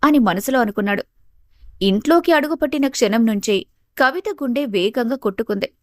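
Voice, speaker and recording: This is a woman storyteller with a fairly high voice, reading a scripted family story steadily and evenly, a little on the fast side. The recording is close and bone-dry, without any echo.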